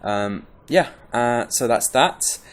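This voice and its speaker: Medium in pitch, smooth and expressive, this man nonetheless speaks slowly. As a game guide presenter, he gives a casual, wandering gameplay tutorial packed with chatter and restarts, in a pepped-up, caffeinated mood.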